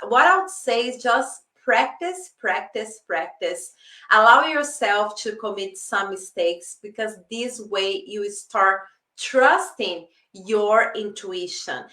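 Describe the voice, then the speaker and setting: A woman life coach talks earnestly in a casual teaching monologue, her carrying a lilt. Her voice is bright and forward, and she now and then acts out her own inner dialogue. She sounds set back from the microphone in a roomy, echoing space. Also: mid-range voice. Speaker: life coach hosting a live stream. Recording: echoey room, voice from a distance.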